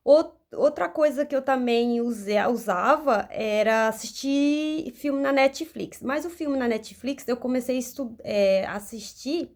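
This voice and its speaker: A woman's voice: high-pitched, a little slow, few pauses, a little mellow. A young adult woman with a Brazilian Portuguese accent, chatting casually to camera in a vlog, with frequent restarts and asides to her viewers. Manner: chatty, many restarts and fillers, addresses viewers as "gente". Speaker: language-learning vlogger.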